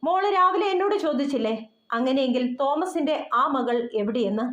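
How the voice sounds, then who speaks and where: Woman voicing a grieving father, tender and pleading, storybook figure, high-pitched, roomy sound. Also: lively intonation, a little fast. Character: grieving aging father, loving, tearful. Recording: roomy, dull lo-fi.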